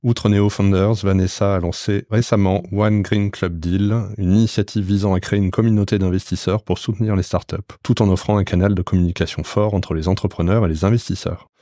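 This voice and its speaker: A man hosting a podcast interview, talking in a relaxed conversational way with some fillers. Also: low-pitched, a little fast, few pauses, dry recording, studio quality. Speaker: podcast host.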